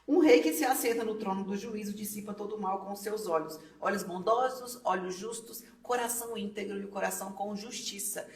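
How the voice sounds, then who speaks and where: A woman's voice: medium pitch, creaky, darkish tone. A woman giving a casual devotional Bible teaching, retelling stories and acting out the voices of the people in them. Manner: storytelling, acts out quoted voices. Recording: echoey room, a bit far from mic.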